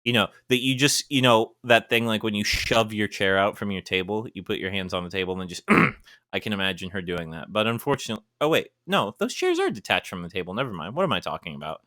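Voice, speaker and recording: A male streamer chats casually while reading a visual novel aloud, wandering into rambling, self-deprecating asides. His tone is bright and forward, with lively swings in pitch, and the sound is dry and close. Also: fast, no echo. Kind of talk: casual let's-play commentary.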